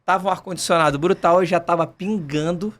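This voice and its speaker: A young man tells a story on a podcast in casual, lively talk. His voice sits high and his words come quickly. He acts out the people he quotes, pitching his voice far up or down for them. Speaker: podcast guest.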